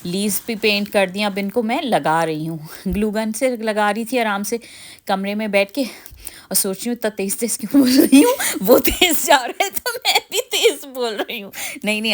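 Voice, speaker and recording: A woman's voice: medium pitch, a bit bright. Middle-aged woman vlogger, homey chatty craft tutorial, talks viewers through each step. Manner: chatty, explains step by step, keeps saying "okay". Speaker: vlog host. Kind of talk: casual craft vlog tutorial.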